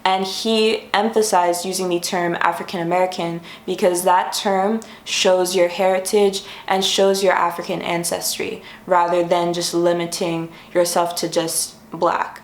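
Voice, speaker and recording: Sitting on her room's floor, a young woman hosts a chatty, friendly explainer vlog for YouTube, occasionally correcting herself. She speaks on the low side with a flat delivery, unhurried and with few pauses, in a reverberant space.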